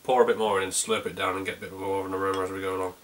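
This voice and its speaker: A man's voice: low voice, level tone, rapid-fire, fairly bright tone, a little hiss or hum. A man chatting casually through a home beer review, talking as he pours and tastes. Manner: chatty, talks while pouring and tasting.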